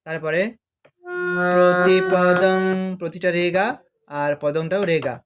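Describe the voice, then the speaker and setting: A man with a Bengali accent teaching a devotional song on harmonium, naming the sargam notes and singing each phrase slowly to show it. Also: a little high, steady tone, over loud music. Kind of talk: music lesson, speaking and singing along. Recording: harmonium playing loudly behind the voice.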